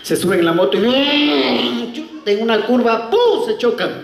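A man telling jokes as a comedian, in a lively storytelling manner. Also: extremely high pitch, unhurried, vocal fry. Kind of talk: joke telling. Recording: echoey room.

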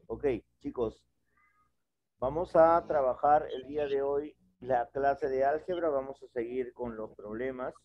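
During an online class in a small home room, a middle-aged male math teacher in a headset patiently takes students through a whiteboard problem step by step, asking questions. He speaks unhurriedly at a medium pitch, over dull lo-fi video call audio.

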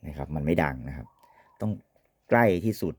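A man's voice: rumbling low, animated, brisk, slightly rough, no echo. A man giving an informal, polite product demonstration as an equipment reviewer, often ending phrases with courtesy particles.

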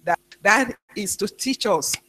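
A woman pastor preaching a sermon, telling a story in a halting way with frequent restarts. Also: medium pitch, expressive, pushed and bright.

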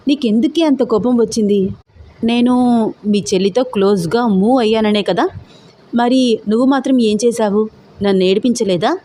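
A woman voicing a stubborn, teasing young man in love, playful and persistent, with a mellow tone. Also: a little high, normal speed, pauses often, lightly acted.

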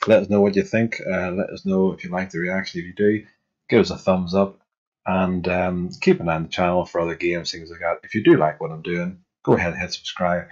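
A man in his thirties with a husky voice, giving casual reaction commentary as a gaming YouTuber. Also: deep voice, a little mellow, lo-fi sound. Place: small bedroom. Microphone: headset.

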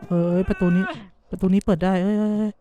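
Male gaming streamer, horror let's-play, skittish and chatty with chat, warm mellow tone. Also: high-pitched, flat delivery, quick pace, faint music behind. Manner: jumpy, blurts repeated exclamations, asks viewers what they hear.

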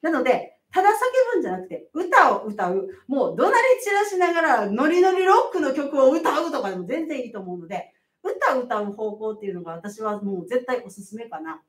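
Lively middle-aged Kansai midwife. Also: female voice, a little high, brisk, reverberant, distant mic. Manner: animated, laughing, emphatic storytelling. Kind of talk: casual live-stream advice talk.

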